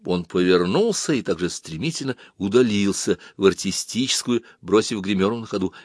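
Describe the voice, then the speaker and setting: A man narrating a story aloud with expressive, animated reading. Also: on the low side, a little fast, no echo, studio quality.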